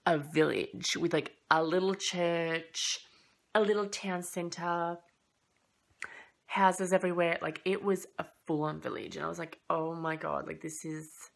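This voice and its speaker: A young woman vlogging a storytime, chatty and animated, peppering every sentence with "like" and acting out her own thoughts. Her voice sits fairly low with plenty of gravelly fry, and she sounds a little under the weather from a cold. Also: measured pace. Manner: chatty, animated retelling with lots of "like" and quoted thoughts. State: has a cold, coughing. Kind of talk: casual storytime vlog.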